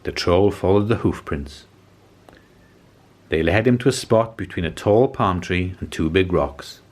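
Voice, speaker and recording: A man reading a children's story aloud as an expressive narrator. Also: low voice, unhurried. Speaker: storybook reader.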